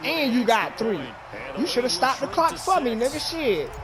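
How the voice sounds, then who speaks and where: Rowdy high-voiced trash-talking man. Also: sing-song, normal speed. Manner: profane, rowdy, shouts and jeers at his opponent. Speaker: gamer streaming a football video game. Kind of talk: trash-talking live game commentary. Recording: loud stadium crowd noise from the game.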